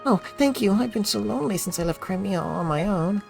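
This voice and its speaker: A man's voice: sits high, lively intonation, a little fast, gravelly, soft background music, voice pushed up. A man voicing a lonely, timid young girl traveling on her own. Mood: grateful.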